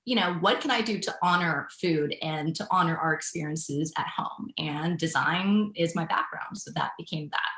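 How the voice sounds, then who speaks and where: This is a woman in her forties from Thailand, telling her founder story in a relaxed interview. She speaks reflectively and laughs easily, with a slightly low voice. The room around her sounds echoey. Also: normal speed, hardly any pauses. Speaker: guest, business founder. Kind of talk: casual interview answers.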